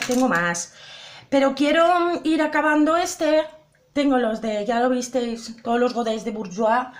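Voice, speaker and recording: Her voice sitting high, a young beauty vlogger talks viewers through her makeup tutorial, addressing them directly. She's chatty, repeats herself and often asks if they see, with background noise in the clip.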